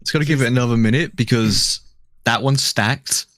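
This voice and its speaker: A man chatting as a guest commentator, thinking out loud and floating ideas with many restarts. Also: medium pitch, normal speed, no room sound, studio quality. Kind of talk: casual chat.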